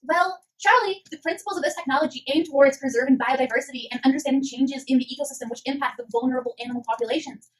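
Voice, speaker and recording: A woman voices an earnest puppet co-presenter on a science show, reading scripted educational narration in an explanatory way. Her natural voice is high-pitched and very fast, and the recording quality is low.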